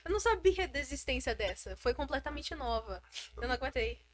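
A teenage girl co-hosting a podcast, telling stories in an animated, swearing casual chat. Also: sits high, a little fast. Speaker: podcast co-host.

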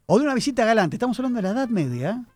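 A man's voice: extremely high pitch, sing-song, rapid-fire, darkish tone, faint music behind. A man presenting a chatty radio segment on word origins, addressing his listeners as he tells the story. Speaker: radio columnist. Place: radio studio.

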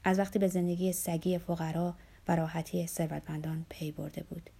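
A woman reading a first-person novel aloud in a measured storytelling manner. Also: lowish voice, level tone, gravelly, dark tone, slightly rough. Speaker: audiobook narrator. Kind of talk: scripted first-person narration.

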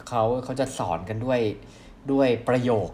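A man co-hosts a casual podcast, speaking in a relaxed, halting way full of fillers and restarts. His voice sits at an ordinary middle pitch. A faint hiss of noise runs under the recording. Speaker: podcast co-host.

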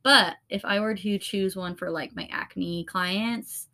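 A woman's voice: medium pitch, slow, pushed and bright. A woman co-hosting a podcast as an esthetician, chatting casually with lots of fillers, giggles and the odd swear word. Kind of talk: casual chat.

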